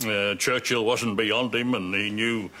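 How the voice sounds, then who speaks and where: An older man recalling someone in a hesitant way, full of pauses and fillers. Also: fairly low pitch, fairly even intonation, bright, forceful tone.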